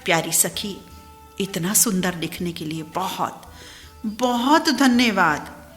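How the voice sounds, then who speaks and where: A woman's voice: on the low side, fairly even intonation, measured pace, fairly bright tone, big-room sound. A woman radio host reads listener messages in a heartfelt, emotive way. She repeats her phrases for emphasis, and a faint music bed plays behind her studio voice. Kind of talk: warm emotive radio talk, reading messages aloud.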